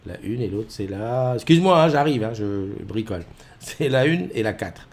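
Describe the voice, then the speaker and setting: Here a middle-aged man with a medium-pitched, animated voice chats at normal speed during a relaxed home morning live stream. He greets viewers by name and rambles with many fillers into a desk mic paired with webcams.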